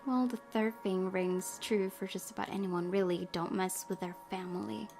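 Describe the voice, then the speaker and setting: Hosting a gaming video, a woman reads visual novel narration aloud and slips in her own asides while guitar game music plays behind her. Her voice is medium-pitched and a little mellow, with fairly even intonation at a normal speed.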